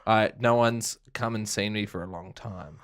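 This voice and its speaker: A man, a guest on a comedy podcast who riffs on jokes in a deadpan way. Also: on the low side, normal speed. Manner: deadpan, joking, riffing. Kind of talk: casual comedy chat.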